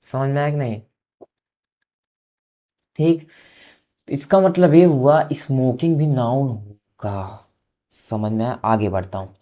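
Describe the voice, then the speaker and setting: A man teaching English grammar in a casual lesson, spelling out words slowly and often checking that his students follow. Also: medium pitch, dark tone. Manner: keeps asking "samajh mein aaya?", drawn-out spelling and dictation. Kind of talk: informal classroom lesson.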